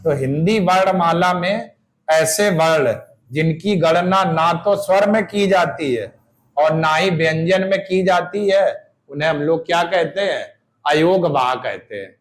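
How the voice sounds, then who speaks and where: Male hindi teacher, exam-prep lesson, slow, repeats examples, higher voice. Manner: slow, repeats examples aloud, asks and answers his own questions.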